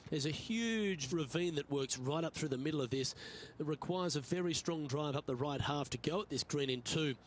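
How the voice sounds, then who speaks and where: A man's voice: a little high, moderate pace, slight background noise. A man giving golf commentary as a commentator.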